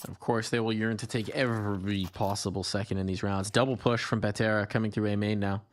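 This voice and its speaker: A man calls live esports play-by-play in clipped, dramatic, declarative bursts, his lowish voice level in tone and a little fast. Game gunfire and clicks come through clearly behind him.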